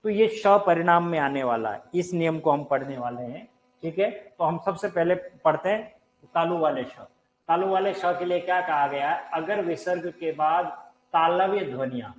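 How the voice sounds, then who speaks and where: Quizzing viewers and then answering his own questions, a man teaches a live Hindi grammar class online from a room with a board. His voice is fairly high and his speed normal, while the recording is low quality.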